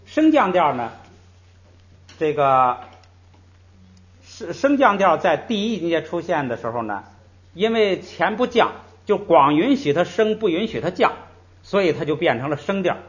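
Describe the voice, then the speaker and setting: Male teacher, patient lecture, fairly high voice, slightly muffled recording. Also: sing-song, a little slow. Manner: explains patiently, drawing out example syllables and often saying "hey" between points. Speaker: Tibetan language teacher. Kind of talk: classroom-style lecture.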